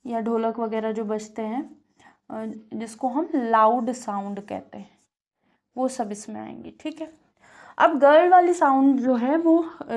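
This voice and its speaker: A high-pitched woman teacher from India, speaking with a Kanpur Hindi accent, walks her class through a physics lesson step by step. She repeats key words and pauses on fillers.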